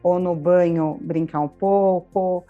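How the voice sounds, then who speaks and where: A woman's voice: fairly low pitch, steady tone, takes it slowly, phone-quality sound, faint music behind. A woman in her thirties with a Brazilian Portuguese accent, co-hosting a podcast in casual chat, explaining with everyday examples and frequent tag questions. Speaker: podcast co-host.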